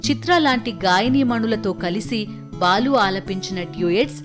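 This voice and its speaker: Woman narrating over loud music. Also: fairly high pitch, expressive. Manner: measured, formal storytelling delivery. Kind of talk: scripted documentary narration.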